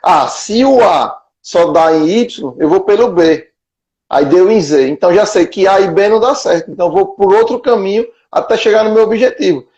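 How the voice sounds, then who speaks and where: A man's voice: high-pitched, animated, moderate pace, darkish tone. A man hosting a casual live chat, laying out his ideas step by step, heard through dull lo-fi stream audio. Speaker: host.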